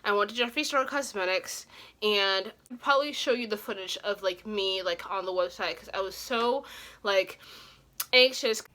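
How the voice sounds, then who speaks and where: A woman's voice: medium pitch, moderate pace, sharp tone. A young woman vlogger chatting casually and ramblingly to camera, talking awkwardly with a swollen, sore cheek as if after dental work. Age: young adult. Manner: rambling, informal. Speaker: beauty vlogger.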